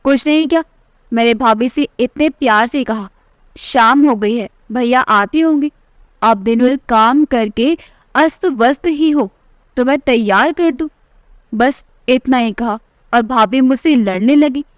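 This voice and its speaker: A woman's voice: a little high, a little slow, no echo, studio quality, natural voice. A woman voicing a spoiled, fashion-obsessed young sister-in-law who taunts with condescension. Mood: taunting.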